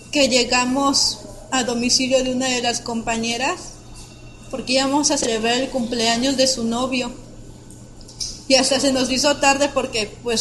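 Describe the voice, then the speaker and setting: High-voiced young Mexican woman testifying. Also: a bit bright, slight background noise, poor audio. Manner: halting, breaks off and restarts sentences. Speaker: witness recounting an attack. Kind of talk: personal testimony.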